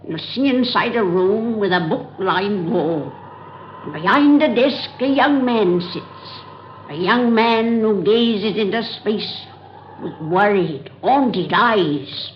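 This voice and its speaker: A woman's voice: mid-range voice, takes it slowly, slight background noise, natural voice. An actress playing a cackling 109-year-old witch who drawls out her spooky tales in folksy, ungrammatical speech, in a 1930s radio play. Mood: gleefully eerie. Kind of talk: 1930s radio drama narration. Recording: roomy, dull vintage radio recording.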